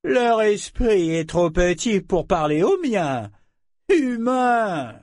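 A man's voice: sits high, sing-song, a little mellow, dry recording, studio quality, pitched above the performer's own voice, exaggerated voice. A man voicing a haughty female dragon. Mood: haughty disdain. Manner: slow, imperious, contemptuous.

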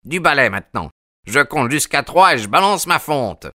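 A man voicing a gruff old animal keeper who shouts threats, then turns friendly. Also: medium pitch, lively intonation, a little slow, no echo, clean studio sound. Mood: angry.

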